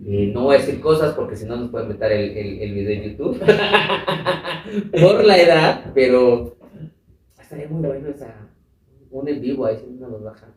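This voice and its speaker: A man's voice: medium pitch, lively intonation, normal speed, a little hiss or hum. A man with a Mexican accent, a guest telling stories in a chatty way, laughing often and using many fillers. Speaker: interview guest. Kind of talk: casual storytelling. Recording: roomy sound, mic at a distance.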